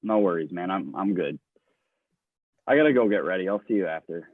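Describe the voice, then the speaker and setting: A man's voice: deep voice, lively intonation, fairly quick, dry recording. A man reading a nervous heartbroken young singer. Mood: covering hurt. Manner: hesitant, self-conscious. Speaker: actor in a script reading. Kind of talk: live online screenplay reading. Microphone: video call. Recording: tinny phone-like call audio.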